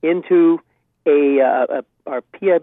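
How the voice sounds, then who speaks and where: A man speaks over a landline phone as a radio call-in caller, his voice squeezed thin and tinny by the line. His tone is earnest and a little halting as he restarts his sentences. The sound is close and dry, with no room around it. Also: on the high side, dry recording. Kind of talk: call-in opinion on a talk radio show.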